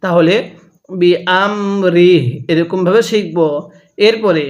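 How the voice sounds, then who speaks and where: A man's voice: high-pitched, fairly even intonation, a little fast. A male Quran teacher giving a reading lesson, drawing out words syllable by syllable and then explaining the rules, asking viewers to read along. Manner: asks the viewer to repeat after him.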